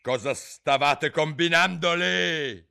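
A man voicing an imperious, furious queen of cards in an audiobook, with shrill, bossy commands. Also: sing-song, slow pace, fairly bright tone, exaggerated voice. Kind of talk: audiobook reading.

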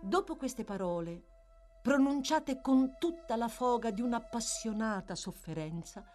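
A woman narrating a classic novel in a dramatic, expressive audiobook reading. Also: a little high, a little slow, soft background music. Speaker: audiobook reader.

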